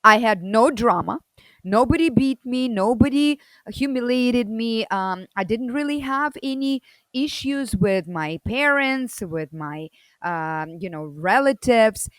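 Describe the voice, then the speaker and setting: A woman from the former Soviet Union shares her personal story as a guest, loud, energetic and expressive. Her voice is fairly high and slow, and the recording is dry.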